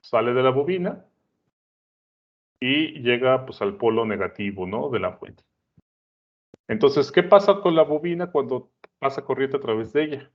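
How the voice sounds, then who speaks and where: A man's voice: medium pitch, expressive, normal speed, long pauses. A man explaining a lesson at a board, chatty, often checking in with his listeners. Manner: conversational, checks in with "¿sale?" and "¿no?". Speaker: teacher. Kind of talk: explaining at a whiteboard. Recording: dull lo-fi sound.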